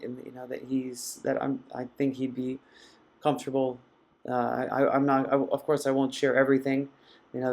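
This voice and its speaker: A man hosting a live mindfulness session, speaking in a reflective, halting way as he reads out viewers' comments. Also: mid-range voice. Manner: reflective, soft-spoken and halting. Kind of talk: casual live-stream talk reading viewer comments.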